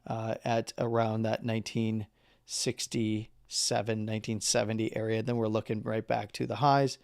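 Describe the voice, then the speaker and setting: A man hosting a live market analysis stream who is losing his voice, talking casually through chart levels with halting fillers and the odd throat-clear. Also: medium pitch, darkish tone, dry recording, studio quality. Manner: halting, with fillers and number readouts; clears throat and coughs now and then.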